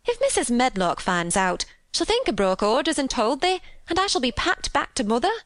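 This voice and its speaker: A woman's voice: on the high side, very animated, normal speed, a bit bright, no echo, pitched above the performer's own voice. A woman voicing an agitated, plain-spoken young housemaid in an audiobook. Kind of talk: audiobook character voice.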